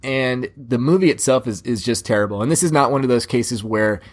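A man's voice: medium pitch, a little fast. A young man hosting a movie podcast in casual chat, rambling with restarts. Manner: rambling, many restarts and fillers. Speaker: podcast host.

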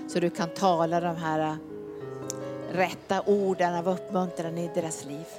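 A woman leading charismatic prayer ministry, speaking fervently, repeating phrases and slipping into speaking in tongues. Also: on the low side. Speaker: prayer leader.

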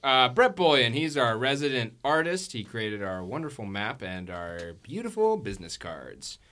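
A man with a bright, forceful voice narrates a tabletop role-playing session as game master. He talks playfully and jokes with the players between scenes. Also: mid-range voice, big pitch swings, normal speed. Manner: playful, laughing often.

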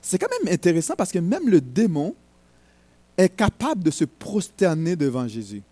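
Fervent high-voiced male preacher. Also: very animated, moderate pace, warm tone, no echo. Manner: emphatic, rising to fervent exhortation. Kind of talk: sermon.

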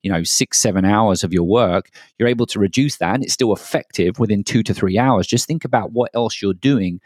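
A man's voice: on the low side, brisk, darkish tone, no room sound, studio quality. A man co-hosting an education podcast, reflecting aloud in a thoughtful, conversational way. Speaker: podcast co-host.

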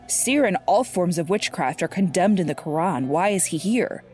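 A woman voicing a proud but gravely ill male lord, reading his lines with a weak, strained delivery. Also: fairly low pitch, animated, moderate pace, darkish tone, faint music behind, natural voice.

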